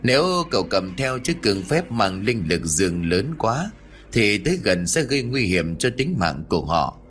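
A man voicing a calm older male monk master who speaks in a measured, instructive way, in an audiobook ghost story. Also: lowish voice, slight background noise. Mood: steady.

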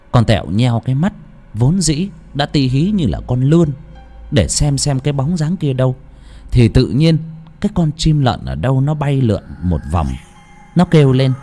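Expressive male horror storyteller, lively pitch. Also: unhurried, long pauses, soft background music. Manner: expressive, swinging between hushed and loud. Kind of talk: dramatic horror story narration.

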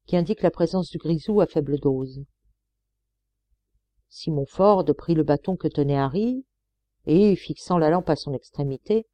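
A woman reads a classic adventure novel aloud in steady, measured storytelling. Her voice is mellow and warm, never sharp. The recording is close and dry. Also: lowish voice, no room sound. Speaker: audiobook reader. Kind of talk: scripted audiobook narration.

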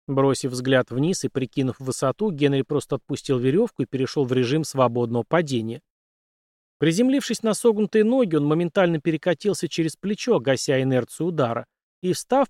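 Measured male audiobook narrator. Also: mid-range voice, a little mellow, dry recording, clean studio sound.

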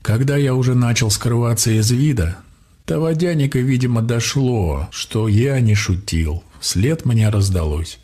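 A man narrating a first-person audiobook in a steady, matter-of-fact way. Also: mid-range voice, unhurried.

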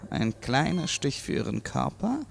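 An actor playing a menacing, sardonically polite mad scientist professor in a German audio drama, with hammy, stagy theatrical delivery. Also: male voice, medium pitch, sing-song, normal speed, creaky, a little hiss or hum. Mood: smugly menacing.

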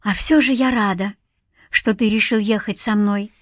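A woman's voice: mid-range voice, steady tone, normal speed, no room sound, studio quality, close to an everyday voice. A woman voicing a playful, affectionate young woman in an audiobook. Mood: tender. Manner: teasing, coaxing. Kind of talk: audiobook character voice.

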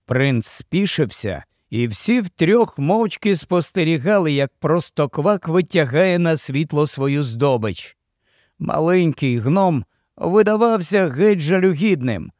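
A man narrating a fantasy audiobook in an even, storytelling delivery. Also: on the high side, dry recording, clean studio sound. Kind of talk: scripted narration.

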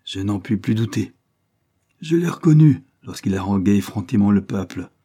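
A man reading an audiobook voices a proud young wife who speaks with fervent, accusing emphasis, lifting his voice higher for her. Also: animated, normal speed, dark tone.

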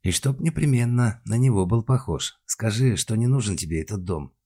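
A man's voice: lively intonation, moderate pace, dark tone, slightly rough. A man voicing a bossy, scheming older mother who scolds her daughter. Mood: scolding. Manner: shrill scolding, then fawning.

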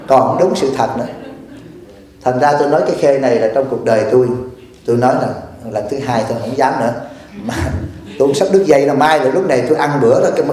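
Male abbot, brisk anecdotal sermon, voice sits a touch high, heavy room echo. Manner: animated, chuckling, acts out dialogue. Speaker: abbot giving a dharma talk. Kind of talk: storytelling sermon. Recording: very echoey room.

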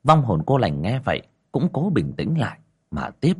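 A man's voice: medium pitch, sing-song, normal speed, a little mellow, slightly rough. A man narrating a horror story with dramatic storytelling. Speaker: audiobook narrator.

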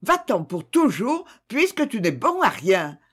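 A storyteller voicing an irritated farm woman who scolds and shouts at a stubborn donkey. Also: mid-range voice, huge pitch swings, a little slow, slightly rough, exaggerated voice. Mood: exasperated. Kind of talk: storybook reading.

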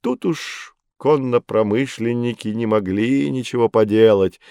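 Recorded on a studio microphone with a clean tone, studio quality, and no echo, a middle-aged man's medium-pitched voice carries some vocal fry. He plays an expert in a scripted audiobook, teaching children history with calm, patient, measured explanations.

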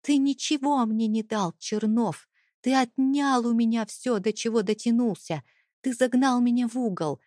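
A woman voicing a trapped young wife who fights back with raised, shouting accusations. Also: fairly high pitch, husky, no room sound, studio quality, pitched above the performer's own voice.

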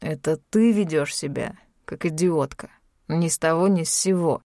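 A woman's voice: sits low, moderate pace, mellow, no room sound, clean studio sound. A woman reading an audiobook, voicing a brusque, irritable young man who snaps and then pleads. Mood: angry. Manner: gruff, snapping, then pleading. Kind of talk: audiobook character voice.

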